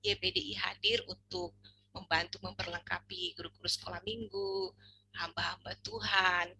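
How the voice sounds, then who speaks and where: Woman, from North Sumatra, ministry trainer, gravelly, bright, somewhat low. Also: steady tone, normal speed, a little hiss or hum, rough recording. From North Sumatra, Indonesia. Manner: friendly, jokey, conversational. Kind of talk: online workshop introduction.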